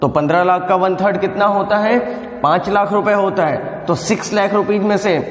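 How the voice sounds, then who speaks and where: A man with a high voice teaches a recorded lesson, working through each step and stopping to check that his students follow. The sound is roomy, with a long reverb that hangs after his words. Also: fairly even intonation, moderate pace. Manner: explains step by step, often asking students questions; mixes Hindi with English terms. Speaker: commerce tutor. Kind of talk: recorded video lecture. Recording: echoey room with long reverb.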